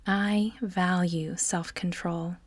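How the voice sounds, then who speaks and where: This woman's lowish, breathy, almost whispered voice leads a guided meditation with fairly even intonation. She sounds soothing and unhurried and pauses deliberately between phrases. The recording has no echo.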